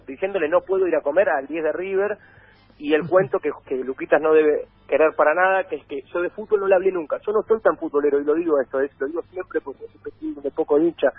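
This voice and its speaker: A man's voice: on the high side, husky, no room sound. A man with an Argentine accent telling long stories as a guest in a casual chat, rambling with many restarts. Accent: Argentine Spanish. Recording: dry phone-like sound.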